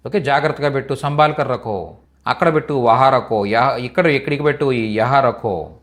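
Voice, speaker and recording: A man's voice: mid-range voice, normal speed. A man teaching in a live online language class, repeating each phrase patiently for students. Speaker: Hindi teacher.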